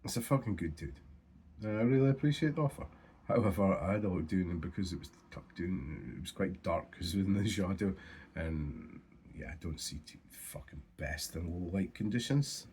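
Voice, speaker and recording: Talking casually to camera about his fishing, this Scottish vlogger swears a lot and says um often, sounding stuffy and nasal from a blocked nose. His low, darkish voice is expressive at normal speed, with a little hiss or hum on the recording.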